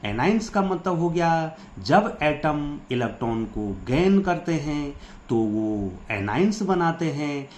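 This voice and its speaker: A man's voice: medium pitch, darkish tone. A male science teacher, coaxing pupils through a lesson with constant questions. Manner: coaxing, quizzes the class with repeated questions. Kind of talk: chalk-and-talk lesson to school students. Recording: echoey room, faint background noise.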